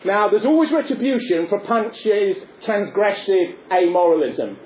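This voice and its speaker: A man's voice: high-pitched, expressive, measured pace. A man giving a discursive lecture in a wry, erudite, digressive manner. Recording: echoey tinny phone-like recording.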